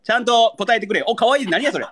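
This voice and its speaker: Fast, lively Kansai man ribbing his guest. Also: extremely high pitch. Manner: mock-angry teasing, pleads for gifts. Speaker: livestreamer. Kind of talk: live-stream battle banter.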